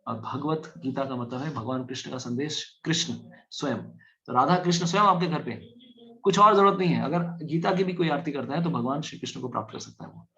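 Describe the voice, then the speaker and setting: A man's voice: mid-range voice, fairly quick, vocal fry. A man preaching a sermon, telling stories and acting out the voices in them. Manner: animated storytelling, acts out voices. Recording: dull lo-fi recording.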